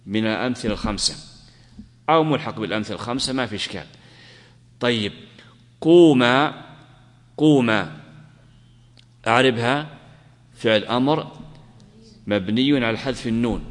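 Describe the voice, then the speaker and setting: A middle-aged man teaching a grammar lesson to students, asking them questions, repeating key words and stressing examples loudly. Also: medium pitch. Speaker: sheikh teaching Arabic grammar. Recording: long reverb of a lecture hall.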